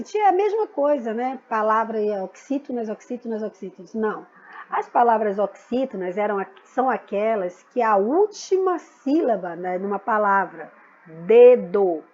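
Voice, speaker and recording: A woman's voice: mid-range voice, darkish tone, muffled recording. A woman teaching a grammar lesson, patiently explaining and repeating key words for her students. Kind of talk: recorded school lesson.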